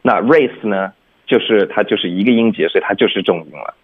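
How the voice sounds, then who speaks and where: Low, husky male teacher on a phone line. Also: a little fast. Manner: patient, step-by-step, with frequent "OK?" check-ins. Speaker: English pronunciation teacher. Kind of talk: explaining on a radio lesson.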